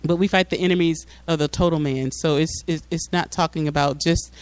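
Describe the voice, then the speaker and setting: This informal slide talk comes from a mosque public speaker whose voice sits on the high side, steady, clear and resonant, moving fairly quickly in a dry recording. Explaining things to his community audience, he often repeats words while reaching for phrasing.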